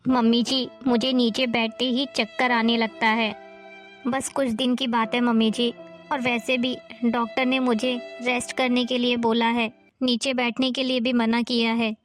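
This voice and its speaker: A woman's voice: on the high side, flat delivery, a little slow, faint music behind, lightly acted. A woman playing a young pregnant daughter-in-law who pleads politely in a family drama. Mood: pleading.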